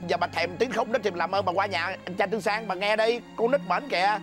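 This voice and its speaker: A man's voice: sits high, fairly quick, music in the background. A man with a Southern Vietnamese accent playing a blustering, stammering husband in a comedy skit.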